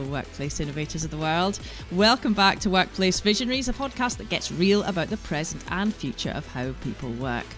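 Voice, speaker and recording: Lower-pitched Shetland Scottish woman hosting a podcast. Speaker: podcast host. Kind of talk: podcast introduction and interview.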